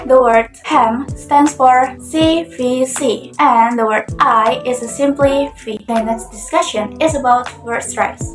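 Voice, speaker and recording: A young woman presenting a linguistics lesson as a student, slowing down carefully on example words, with some non-native grammar. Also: sits high, reverberant, distant mic, low-quality recording.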